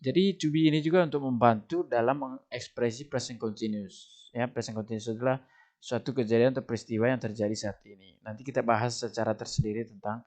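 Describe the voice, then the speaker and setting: A young man with an Indonesian accent teaching an English grammar lesson, often loud and lively, repeating each point for beginners. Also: mid-range voice, brisk. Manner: animated, swings of loudness, repeats points.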